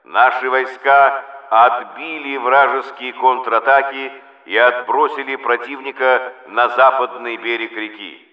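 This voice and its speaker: Man, solemn declamatory state announcer, 1940s radio bulletin, weighty pauses, muffled echoey old recording. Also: mid-range voice, level tone.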